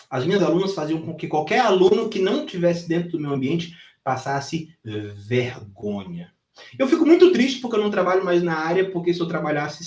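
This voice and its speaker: Streaming a lesson from home, this man speaks at medium pitch, a little mellow, in an echoey room. Once a gym trainer and now a sales mentor, he's emphatic and intense, cursing freely and reenacting how he used to coach.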